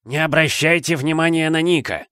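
A man's voice: normal speed, bright, forceful tone, smooth, no echo, clean studio sound. A man voicing a boisterous, jeering headless male ghost hunter in an audiobook reading. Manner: booming, jeering.

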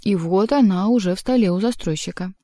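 A woman narrating an audiobook in a measured, expressive reading style. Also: medium pitch, dry recording, studio quality. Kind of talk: scripted narration.

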